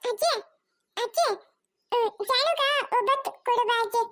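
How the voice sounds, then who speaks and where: A woman's voice: very high-pitched, moderate pace, fairly bright tone, dry recording, studio quality. Woman doing a whiny little grandchild. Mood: pleading. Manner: whiny, insistent.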